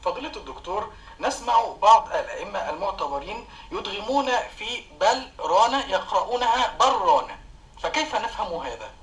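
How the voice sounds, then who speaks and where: A man's voice: high voice, very animated, fairly quick, fairly bright tone, reverberant, low-quality recording. A man hosting a formal interview, asking polite questions and closing the program. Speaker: TV program host.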